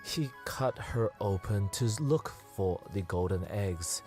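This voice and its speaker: A man narrating a story on a radio show, in a measured storytelling voice. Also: on the low side, expressive, darkish tone, soft background music. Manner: measured narration, quick laughing chat. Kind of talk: scripted narration and casual chat.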